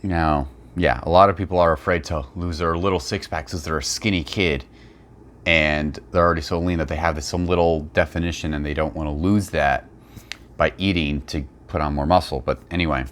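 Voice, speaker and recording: Low-voiced man, blunt commentary. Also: steady tone, a little fast, fairly bright tone, a little hiss or hum. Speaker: fitness video creator. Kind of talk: unscripted response-video commentary.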